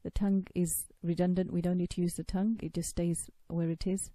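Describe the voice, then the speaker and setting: A woman's voice: on the low side, flat delivery, a little fast, warm tone, no room sound. A woman giving a recorded lesson on pronouncing sacred recitation, patiently explaining and demonstrating sounds by drawing out long vowels. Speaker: tajweed teacher.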